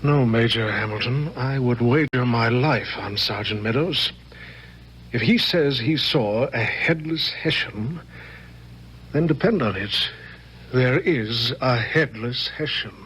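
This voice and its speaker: An actor playing a stern American general in a radio drama, with a husky voice and formal, authoritative delivery. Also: male voice, medium pitch, slow pace, fairly bright tone. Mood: resolute. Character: stern, commanding American general, George Washington.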